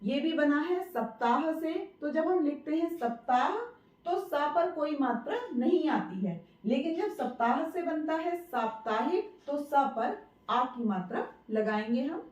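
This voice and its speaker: High-voiced woman teaching spelling, roomy sound. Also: expressive, measured pace, a little mellow. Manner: explains patiently, repeats each word, asks and answers her own questions. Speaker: Hindi teacher and channel host. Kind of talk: spelling lesson to camera. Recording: roomy, distant, dull sound.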